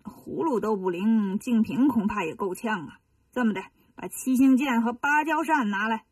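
A woman voicing a bossy, vengeful male demon king in a children's storybook, speaking gruffly. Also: fairly high pitch, normal speed, no room sound, far from the mic. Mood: musing.

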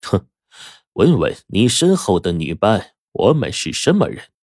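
A man's voice: lowish voice, sing-song, measured pace, darkish tone, no echo, clean studio sound. A man voicing a cold, mocking male gang leader in a spoken story. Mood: sneering.

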